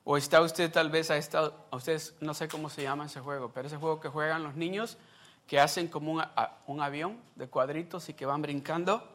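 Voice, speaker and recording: During a church service, a man delivers a Sunday sermon conversationally, frequently posing questions to the congregation. His voice is slightly high and a touch bright, with a steady tone and a brisk pace.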